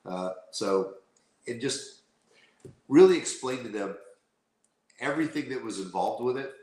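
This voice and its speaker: A man's voice: mid-range voice, expressive, measured pace, a little mellow. A man speaking as a guest in a casual interview, rambling with restarts. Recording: roomy echo.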